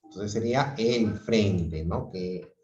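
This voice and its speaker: Slow, patient male teacher on a video call. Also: lowish voice, darkish tone. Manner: explains patiently, checks in with "¿ok?" and "¿no?". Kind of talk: online grammar lesson. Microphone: video call audio. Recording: roomy, dull lo-fi video call sound.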